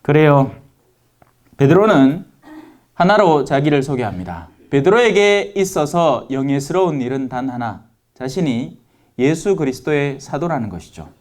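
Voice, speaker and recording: Lively joking priest. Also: male voice, on the high side, moderate pace. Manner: lively, joking, asks the audience questions. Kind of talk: lecture sermon to elderly parishioners.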